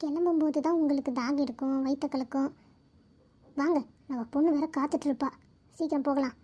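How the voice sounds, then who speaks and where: A fussy, hurried wife who scolds impatiently, played by a woman. The voice sits high and mellow. The recording is dull and lo-fi. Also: steady tone, natural voice.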